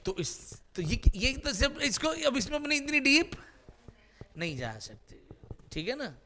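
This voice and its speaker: A man's voice: very high-pitched, sing-song, a little slow, sharp tone. A man teaching English vocabulary in a classroom, quizzing students with repeated questions in a playful way.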